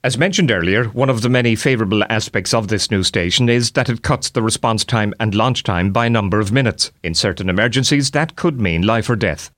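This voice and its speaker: Lowish-voiced Irish male presenter. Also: fairly quick, hardly any pauses, fairly bright tone. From southwest Ireland. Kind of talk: scripted documentary narration.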